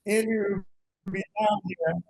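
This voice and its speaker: A man speaks over a remote call, his voice fairly high for a man. The connection is unstable, so his audio breaks up and freezes. He talks plainly, in short replies. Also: fairly even intonation, takes it slowly, gravelly, a little mellow, rough recording. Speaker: applicant at a town meeting. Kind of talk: casual meeting talk. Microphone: video call.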